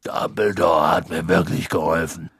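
A man voicing a huge, gruff, lonely half-giant gamekeeper with a deep husky voice and slow, halting speech. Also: fairly even intonation, a bit bright, dry recording, studio quality, heavily acted. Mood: wistful. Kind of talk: audiobook character voice.

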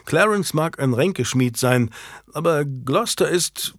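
A man voicing a sharp-tongued noblewoman, a wronged wife who turns scornful and biting, in an audiobook. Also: a little high, expressive, measured pace, no room sound, studio quality, voice pushed up. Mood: tense. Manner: scornful, biting, rising to shouted accusations. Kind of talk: audiobook character reading.

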